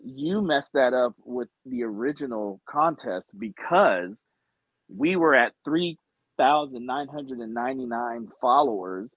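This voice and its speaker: A man's voice: medium pitch, big pitch swings, measured pace, vocal fry, dry recording. A man co-hosting a podcast in casual, teasing chat. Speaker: podcast co-host. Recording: muffled narrow-band voice audio.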